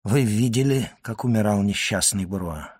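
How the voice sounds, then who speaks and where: A man voicing a grave, hushed doctor. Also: normal speed, breathy edge, no echo, studio quality. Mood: hushed probing. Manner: low, hushed, urgent questioning. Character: grave, probing male doctor questioning an old man.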